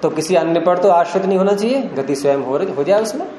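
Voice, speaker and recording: Man, teacher, slightly high voice, patient step-by-step explaining, echoey room. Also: animated, fast talker, a crowd in the background. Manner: explains step by step, quizzes students. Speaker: teacher of Nyaya philosophy. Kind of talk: classroom lecture with questions to students. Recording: echoey room with faint hiss.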